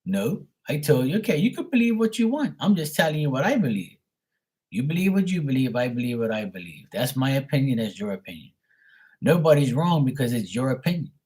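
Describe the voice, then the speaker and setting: Husky and darkish in tone, this man's medium-pitched voice is very animated and fairly quick, heard through poor audio. He chats casually on a live tarot reading stream, blunt, opinionated, rambling and cursing freely.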